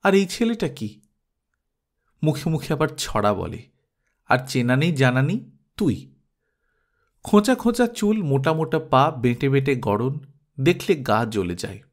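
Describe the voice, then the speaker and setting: A man's voice: a little slow, pauses often. A man reading a novel aloud as an audiobook narrator, telling the story expressively. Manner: animated storytelling, shifting pitch for quoted children.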